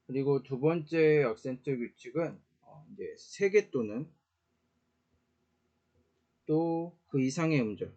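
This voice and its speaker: A man with a mid-range, expressive, dark-toned voice teaches Latin grammar in a casual online lesson. He explains slowly, filling pauses with plenty of "uh" and making small self-corrections, and the audio sounds dull.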